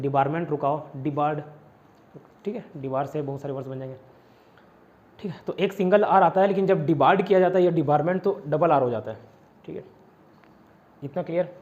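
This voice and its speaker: A man's voice: a little high, darkish tone, highs cut off. A man from India teaching vocabulary in an online exam-prep lesson, repeating each word and its meaning over and over. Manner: repetitive drilling, mixing Hindi and English.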